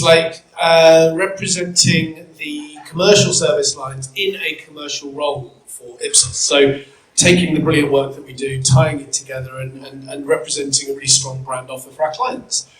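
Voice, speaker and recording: A man casually introducing himself on a panel, with a self-deprecating manner. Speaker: panel speaker, brand executive. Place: live event room, close handheld or stand microphone. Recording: boomy mic in echoey room.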